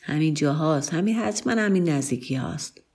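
A bewildered middle-aged man mutters anxiously to himself, as a woman puts him on while reading the story. He has a low, soft storybook voice and keeps his words under his breath. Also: expressive, breathy edge, heavily acted. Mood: searching.

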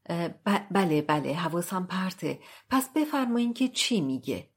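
A flustered middle-aged traveler, prim and easily offended, talking in a fairly low voice as a woman reads his lines in a storybook. He stays polite while getting worked up. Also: animated, husky.

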